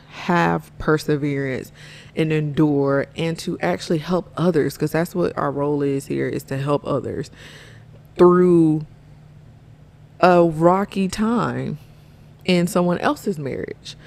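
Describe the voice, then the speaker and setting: Woman podcast host, gravelly fry, unhurried, earnest, slightly out of breath. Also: lowish voice, a little mellow. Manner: earnest, laughs often. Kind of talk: casual faith-based chat.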